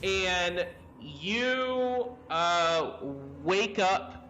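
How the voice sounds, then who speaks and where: A man's voice: sits high, expressive, very slow, background noise. A man narrating a tabletop game as game master, describing scenes with frequent hesitations. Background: background music.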